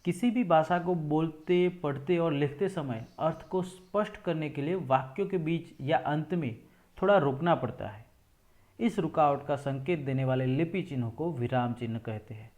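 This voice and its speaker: A man's voice: a little high, moderate pace, a little mellow. A man teaching a school grammar lesson, explaining step by step and repeating examples.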